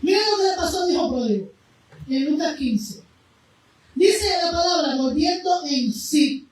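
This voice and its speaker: A woman preacher delivering an impassioned sermon, moving between loud, fervent cries and quiet, low passages, recorded from a distance in a church. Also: lively intonation, normal speed. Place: church sanctuary. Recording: very echoey room, voice from afar, faint noise.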